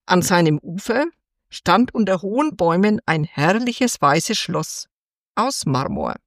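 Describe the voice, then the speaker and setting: A woman reads a fairy tale aloud for children, unhurried and gentle. Her pitch rises and falls with lively expression, and her voice sits a little low. The sound is dry and close. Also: no room sound. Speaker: storyteller.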